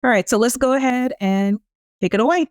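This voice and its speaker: A woman's voice: a little high, brisk, no room sound, clean studio sound. A woman who directs programs, hosting an interview with a formal, polished, scripted delivery. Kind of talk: scripted introduction and interview questions.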